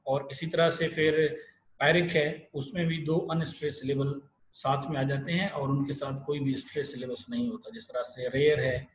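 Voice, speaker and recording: A man giving an online literature lecture. He explains step by step and often pauses, restarts and fills gaps. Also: mid-range voice, level tone. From Pakistan. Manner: explanatory, many fillers and restarts. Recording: echoey room with faint hiss.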